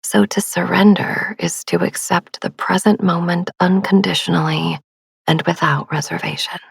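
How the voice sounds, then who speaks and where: A woman hosting a sleep meditation podcast, talking in a soft, slow, soothing whisper. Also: on the low side, gravelly, breathy edge, no room sound. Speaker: podcast host.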